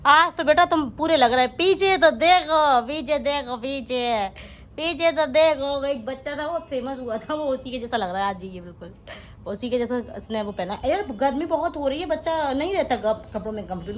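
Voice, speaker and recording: Speaking fairly quickly in a high, animated voice, a young woman talks casually to her vlog audience from home about her day while coaxing her drowsy child. A little background noise can be heard.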